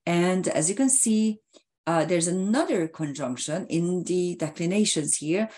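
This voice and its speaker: A woman astrologer explaining a chart in a halting, hesitant way, hoarse as she is losing her voice. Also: fairly low pitch, darkish tone. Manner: halting and hesitant, with frequent filler sounds and restarts.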